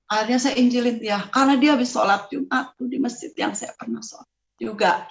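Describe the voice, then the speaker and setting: A woman's voice: fairly high pitch, brisk, creaky. A middle-aged woman giving a personal testimony, telling her story with strong feeling, her voice at times rising and breaking. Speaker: testimony speaker. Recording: slightly dull lo-fi sound.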